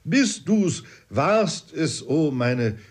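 A man's voice: on the high side, very animated, very slow, pitched above the performer's own voice, exaggerated voice. Man doing a grieving Roman orator. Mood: lamenting. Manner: declaiming lament.

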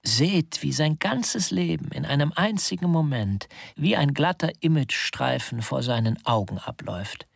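A man reading literary narration in a slow, deliberate way, often sinking into a whisper. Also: on the high side, lively intonation, gravelly, slightly rough, dry recording, studio quality.

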